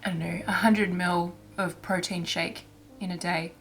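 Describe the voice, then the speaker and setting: Chatting casually on her own cross-stitch vlog, a woman speaks softly with halting delivery and many restarts. Her voice is on the low side with fairly even intonation, and it sounds hoarse and raspy from an irritated throat.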